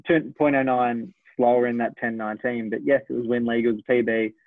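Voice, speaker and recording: Young aussie sprint guy chatting over a tinny dry phone line, thinks out loud and corrects himself a lot. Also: mid-range voice, steady tone, dry recording. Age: 20s. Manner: reflective, measured, self-correcting. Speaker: sprinter, interview guest. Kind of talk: casual interview talk.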